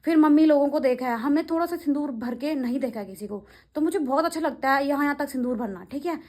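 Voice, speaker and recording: Brief: young woman vlogger, high-pitched, rapid and indignant, casual rant to camera. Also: a little mellow. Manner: fast-talking, indignant, addresses critics directly.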